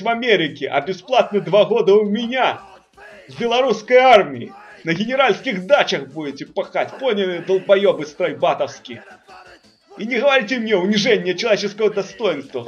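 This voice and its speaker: Man playing bullying, high-pitched drill sergeant. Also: sing-song, moderate pace, highs cut off. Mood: barking, bullying. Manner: drill sergeant's barked commands and insults. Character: bullying, foul-mouthed male army drill sergeant. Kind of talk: comic parody dub.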